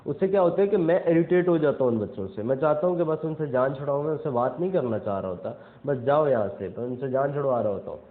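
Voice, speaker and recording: A man's voice: a little high, expressive, fast, hardly any pauses. A young man, giving a casual instructional talk and explaining step by step with frequent check-ins. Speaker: self-improvement speaker. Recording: tinny phone-like audio.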